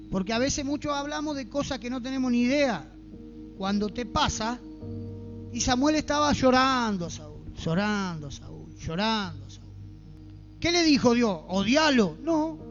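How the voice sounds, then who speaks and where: High-voiced Argentine man preaching. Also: lo-fi sound. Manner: fervent, asks the congregation rhetorical questions. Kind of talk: sermon. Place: church.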